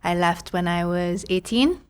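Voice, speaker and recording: A woman's voice: lowish voice, measured pace, clean tone. A woman in her thirties from Trinidad, a prosthodontist guest telling her story in a chatty podcast interview, often quoting her own past thoughts.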